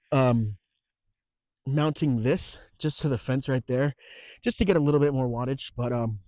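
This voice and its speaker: A man talks through fixes around his off-grid camper in an easygoing, rambling way, full of fillers and restarts. He has the hiccups, and his voice sits at a medium pitch. The sound is dry and close, recorded on a handheld phone. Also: mellow, dry recording. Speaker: off-grid homesteading vlogger. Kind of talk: casual walkthrough vlog. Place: outdoors and inside a camper on a rural off-grid homestead.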